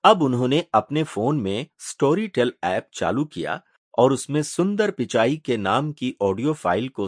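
Male audiobook narrator, slow measured delivery, lively intonation, dry close sound. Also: mid-range voice, breathy edge, no room sound. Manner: measured, expressive storytelling.

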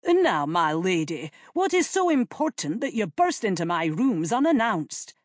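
A woman's voice: mid-range voice, very animated, normal speed, dry recording, clean studio sound. A woman reading the lines of a stern middle-aged earl who gives curt commands in a storybook.

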